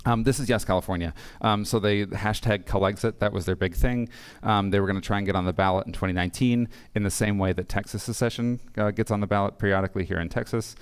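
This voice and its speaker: A man's voice: lowish voice, fairly even intonation, fast talker, smooth. A man giving a casual, joking conference talk, full of fillers and restarts. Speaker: conference speaker. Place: conference hall.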